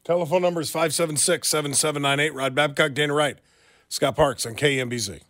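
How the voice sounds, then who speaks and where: A man co-hosting a live radio show, bantering and taking calls with a smooth radio host delivery. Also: on the high side, fairly even intonation, fast, fairly bright tone. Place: radio studio.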